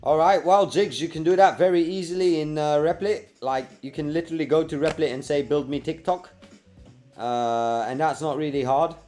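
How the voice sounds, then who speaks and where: A young man hosting a casual live stream, reading and answering viewer comments by name in a relaxed, chatty way. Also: a little high.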